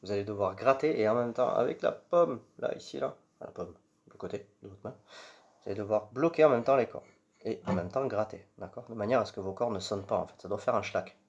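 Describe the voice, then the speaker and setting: A man's voice: lowish voice, fairly quick, highs cut off. A man teaching guitar chords and strumming in a patient, step-by-step way, singing the strum patterns with syllables. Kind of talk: casual guitar tutorial. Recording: guitar playing loud behind speech. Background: acoustic guitar.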